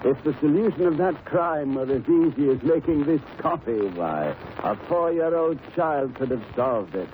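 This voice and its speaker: A man playing an excitable, genial gentleman doctor and storyteller in a 1930s radio drama. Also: on the high side, moderate pace, hardly any pauses, lightly acted. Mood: genial, amused. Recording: noisy, tinny 1930s radio recording.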